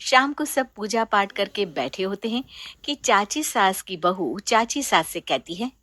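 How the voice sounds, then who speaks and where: Bright-voiced woman storyteller. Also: medium pitch, lively intonation, measured pace, no echo. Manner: plain, storytelling. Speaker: narrator. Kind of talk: storybook narration.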